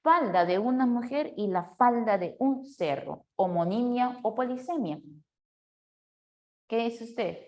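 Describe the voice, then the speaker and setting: A woman teacher with a fairly high voice guides a class through exercises. She explains step by step and often stops to check that the students follow. Her manner is lively and full of questions. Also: slow. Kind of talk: classroom lecture.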